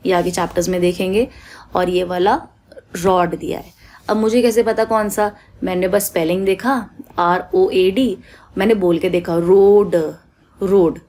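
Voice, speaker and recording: A woman's voice: medium pitch, darkish tone. A woman teaching shorthand on a shared screen, patient, repeating each rule and drawing out vowel sounds in her examples. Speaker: stenography teacher.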